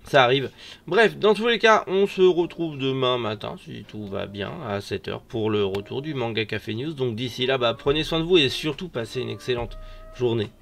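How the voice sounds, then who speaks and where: A man's voice: medium pitch, moderate pace, gravelly. A man with a pronounced lisp and slightly labored articulation from a sore, swollen mouth, casually commenting on news for online viewers in an informal, slangy, opinionated way. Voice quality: pronounced lisp, slushy s sounds. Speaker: host of a manga and anime news show. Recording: music behind the voice. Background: background music.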